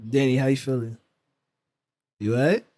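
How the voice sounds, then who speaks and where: A man's voice: mid-range voice, moderate pace, mellow, dry recording. A young man co-hosting a casual podcast, teasing his friends and laughing often. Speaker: podcast co-host. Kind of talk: casual chat.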